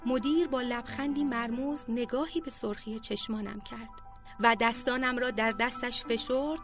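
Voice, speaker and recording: A woman narrating a personal memoir in a heartfelt, measured reading style. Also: a little high, steady tone. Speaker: storyteller. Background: faint music.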